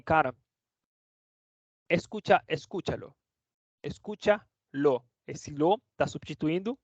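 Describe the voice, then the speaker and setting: His voice sits high as he teaches a relaxed online Spanish lesson, chatting and checking in with the class every few words; his first language is Portuguese. The audio is dry, dull and lo-fi.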